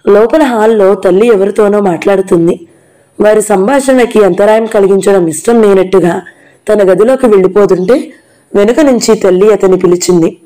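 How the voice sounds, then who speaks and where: A woman reads a novel aloud in a steady, expressive storyteller's manner. Her voice is mellow and warm, sitting at an ordinary middle pitch. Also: moderate pace, rough recording. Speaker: audiobook narrator.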